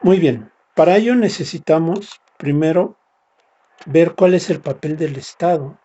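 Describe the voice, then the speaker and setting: A man's voice: on the high side, a little slow, dark tone, dull audio. A man giving a recorded university lecture, explaining step by step and often ending points with a tag question. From Mexico.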